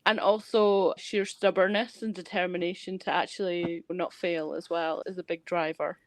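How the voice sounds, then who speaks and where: A woman's voice: fairly low pitch, flat delivery, normal speed, no echo. A Scottish woman from Scotland, a panel guest on a video call, telling her career story in a candid, upbeat and emphatic way.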